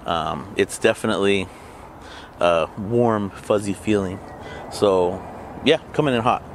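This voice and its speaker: A man's voice: on the low side, a little slow, a little hiss or hum. A man hosting a casual food review vlog, rambling and joking as he eats. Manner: rambling, joking asides while eating. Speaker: burrito reviewer and channel host.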